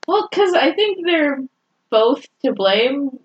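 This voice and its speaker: A woman's voice: sits high, slow. Laughing woman in an echoey room. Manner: laughs often, animated and candid. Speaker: podcast co-host. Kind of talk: casual chat about a fan fiction story. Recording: echoey room, dull lo-fi sound.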